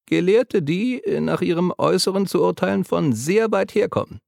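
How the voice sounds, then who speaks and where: A man voicing a shrill, cackling tiny old woman who teases and fusses over a young patient. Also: expressive, moderate pace, creaky, darkish tone, dry recording, clean studio sound, heavily acted. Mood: teasing.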